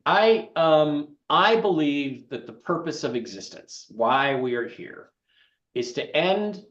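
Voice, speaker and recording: An opinionated male host makes his points with force, his pitch swinging lively up and down. He sounds as if he is on a remote call, with a roomy echo around him. The audio is muffled and lo-fi. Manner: emphatic, opinionated, animated. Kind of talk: casual interview chat. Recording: echoey, dull lo-fi remote audio.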